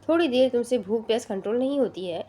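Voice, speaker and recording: A woman's voice: a little high, animated. A woman reading the part of a hot-tempered young man who speaks sternly and in clipped lines. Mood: harsh. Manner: stern and clipped, softening when she cries.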